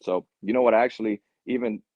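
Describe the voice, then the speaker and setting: A man's voice: fairly low pitch, a little fast, dry recording. A man being interviewed about solar sales, talking casually with stammering restarts and saying "man" and "right?" a lot. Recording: dull lo-fi, dry sound.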